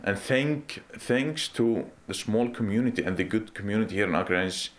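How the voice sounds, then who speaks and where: An Iraqi man in his twenties, a native Arabic speaker, earnestly tells his story as a guest in a casual conversational interview at a pool's reception area. His lowish voice has lively intonation at normal speed, and he often restarts sentences and says "exactly."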